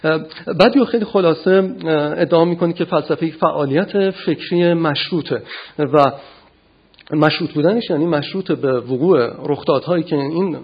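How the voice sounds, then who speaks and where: A man giving an academic philosophy lecture, measured and often pausing to gather his thoughts. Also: fairly high pitch, slightly rough, lo-fi sound. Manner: measured, frequent hesitations.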